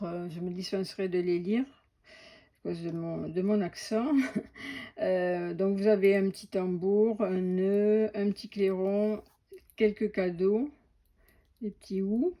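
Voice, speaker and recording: A woman chatting through an unboxing of craft supplies, slow and hesitant with many fillers and restarts. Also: medium pitch, warm tone. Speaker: crafting vlogger. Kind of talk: casual unboxing commentary.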